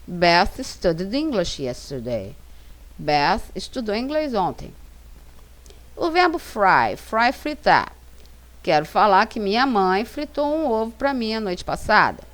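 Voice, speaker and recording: A Brazilian woman with a Brazilian Portuguese accent, an English teacher narrating a slide lesson and reading example sentences slowly and carefully. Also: a little high, big pitch swings, fairly bright tone. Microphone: voice-over for slides.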